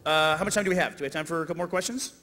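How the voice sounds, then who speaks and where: A man's voice: a little high, racing, pushed and bright. A man moderating a live convention panel, joking and laughing often, on a stage mic in a big hall.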